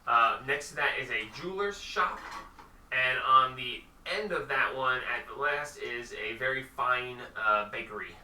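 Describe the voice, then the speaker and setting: A man narrating a tabletop game as game master, halting with many fillers. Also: medium pitch, pushed and bright, echoey room, far from the mic.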